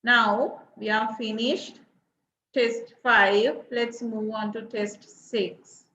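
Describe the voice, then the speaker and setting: A woman's voice: a little high, level tone, drawn-out words, sharp tone, a little hiss or hum. A woman teacher giving a revision lesson, checking in with "right?" and "okay?" after nearly every point. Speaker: English teacher. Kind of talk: recorded grade-six revision lesson. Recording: roomy, dull lo-fi recording.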